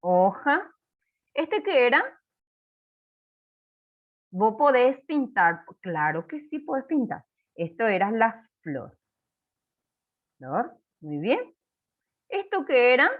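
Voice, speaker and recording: A woman teaching a first-grade class, slow and encouraging, spelling words out for young children. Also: fairly high pitch, very animated, narrow, tinny audio. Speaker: primary school teacher.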